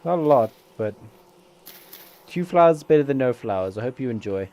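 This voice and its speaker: A gaming channel host talks fairly fast with an expressive, medium-pitched voice and a dark tone. He's joking and chatting casually with friends over a game, rambling with lots of fillers.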